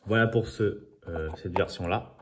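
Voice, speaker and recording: A rather low-voiced man chats casually about his collection of model cars. He rambles, repeats himself and trails off into asides. His delivery is loose and conversational. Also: measured pace, slight background noise. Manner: rambling, chatty, often repeats "voilà"; apologises for his own accent. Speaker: toy car collector. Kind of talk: casual unboxing chat.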